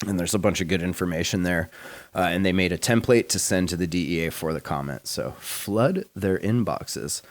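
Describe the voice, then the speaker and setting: A man's voice: deep voice, normal speed, no room sound. A man hosting a podcast in casual chat, laid-back and rambling, swearing and laughing often. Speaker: podcast host.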